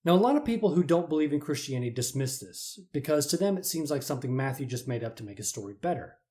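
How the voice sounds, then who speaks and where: A man's voice: mid-range voice, lively intonation, fast talker, warm tone. A man teaching a Bible lesson, retelling events in a dramatic, explanatory way. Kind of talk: storytelling lesson.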